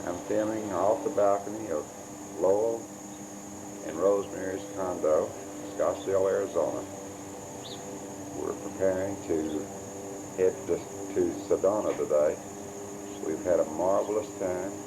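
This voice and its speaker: A man's voice: deep voice, fairly even intonation, unhurried, long pauses. A man narrating a family home video in a chatty travelogue style, picked up by a camcorder's built-in mic on old camcorder audio. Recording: hissy old camcorder recording.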